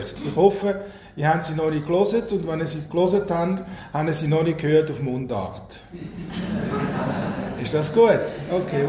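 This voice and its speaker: A man with a fairly high, slightly mellow voice and a Swiss German accent preaches a sermon in a chatty way. He often puts questions to his congregation, and the roomy hall carries faint ambience.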